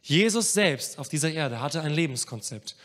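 A man delivers an impassioned sermon in a fairly high voice, turning to his listeners directly and swinging between soft, hushed passages and emphatic ones. His words ring out with the long reverb of a large church hall. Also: animated, moderate pace. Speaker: preacher.

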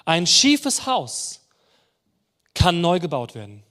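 A man's voice: a little high, huge pitch swings, takes it slowly, pushed and bright. A man preaching a sermon in a conversational way, putting rhetorical questions to the congregation.

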